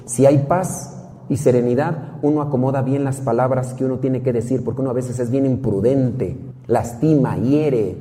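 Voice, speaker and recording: Mexican priest giving a homily, mellow easygoing voice, folksy, big reverb. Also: male voice, medium pitch. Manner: folksy preaching with jokes and rhetorical questions. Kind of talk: sermon.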